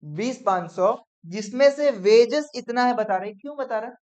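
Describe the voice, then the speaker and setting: A man teaching accounts in a classroom lecture, brisk and coaxing, often checking whether students follow. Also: very high voice, animated, a little mellow. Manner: brisk, coaxing, peppered with "theek hai?". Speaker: commerce teacher. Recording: dull lo-fi classroom recording.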